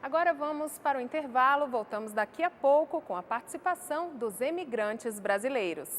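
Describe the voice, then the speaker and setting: Tv host lady, high bright voice, reading the links, slight hum. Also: lively intonation, fairly quick. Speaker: TV presenter. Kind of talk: scripted broadcast presenting.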